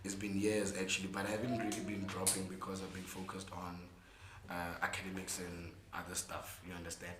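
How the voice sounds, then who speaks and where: Hoarse, low-voiced young South African man. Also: completely flat delivery, fairly quick. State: hoarse from gigs the day before. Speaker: interview guest, content creator and musician. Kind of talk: casual interview chat. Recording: echoey room with faint background noise.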